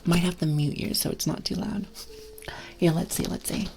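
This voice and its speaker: A woman chatting casually on an ASMR stream, talking softly right into the listener's ear and often slipping into whispers, with a playful, gently silly manner. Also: lowish voice, fairly even intonation, normal speed. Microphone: close ASMR microphone. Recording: clear background noise and clicks.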